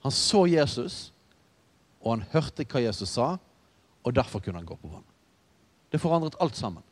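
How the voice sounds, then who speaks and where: A man preaching a sermon in a relaxed, conversational way, telling stories with asides. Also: fairly high pitch. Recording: reverberant hall.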